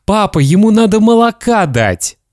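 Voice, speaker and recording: A man reading a children's story aloud, voicing a small excitable boy in a raised, eager voice. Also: moderate pace, no room sound, studio quality. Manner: eager, high and pleading, turns tearful. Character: small excitable boy who trades things away.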